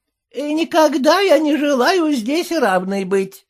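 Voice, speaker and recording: A man's voice: very high-pitched, animated, slow, pitched above the performer's own voice, exaggerated voice. A man voicing an older mother-in-law who takes offense and argues with indignation. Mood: indignant. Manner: indignant, huffy.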